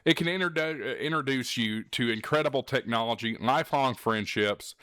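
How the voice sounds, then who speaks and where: The host of a ham radio hobby show talks casually and directly to the listener, direct-to-camera, earnest and encouraging as he stresses key words. His mid-range voice is a little fast, pushed and bright yet smooth, with no room sound.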